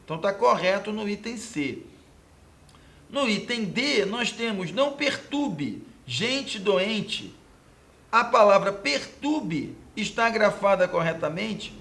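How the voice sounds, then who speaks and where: A man's voice: high voice, lively intonation, slow pace, fairly bright tone. A man from Brazil teaching Portuguese grammar, explaining exam answers step by step and pointing at the board, often asking "ok?" to check his students follow. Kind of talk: exam question walkthrough lesson.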